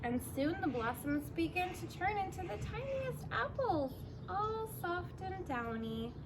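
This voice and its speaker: Outdoors in a fenced backyard, this woman, aged somewhere in her thirties or forties, reads to young children in a very high-pitched, sing-song, unhurried voice. She stretches out words expressively and slips in simple asides and questions. Background noise is clearly audible.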